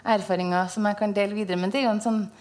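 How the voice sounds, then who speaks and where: A woman's voice: mid-range voice, fairly even intonation, a little mellow. A woman hosting an interview, talking in a thoughtful way and searching for her words as she goes. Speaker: host. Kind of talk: conversational interview.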